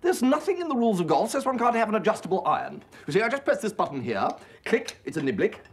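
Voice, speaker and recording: An actor playing a cheerful, breezy young upper-class English gentleman. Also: sits high, quick pace, slightly rough, exaggerated voice. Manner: chirpy, breezy and excitable.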